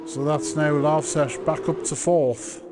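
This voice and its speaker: A man commentating live on a motor race, calling the action in drawn-out phrases. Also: fairly high pitch, fairly even intonation, very noisy. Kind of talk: live online sim racing commentary.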